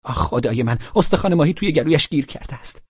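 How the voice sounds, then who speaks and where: A man's voice: fairly high pitch, expressive, a little mellow, slightly rough, no echo, pitched above the performer's own voice. A man doing a teasing, mischievous young woman. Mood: mocking. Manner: teasing, mocking tone. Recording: dull lo-fi sound.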